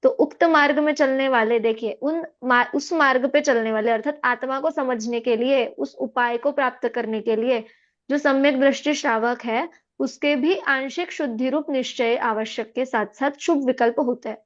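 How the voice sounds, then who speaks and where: A woman's voice: high-pitched, moderate pace. A woman teaching a scripture class, patiently explaining and checking in with her students. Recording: dull lo-fi audio.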